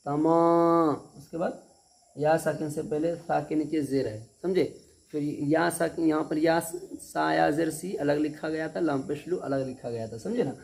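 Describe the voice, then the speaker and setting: A man's voice: on the high side, gravelly, a little mellow. A man teaching a Quran reading lesson step by step, repeating each point and often checking that the students understood. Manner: patient, repetitive, keeps asking if students understood; stretches out syllables slowly when demonstrating.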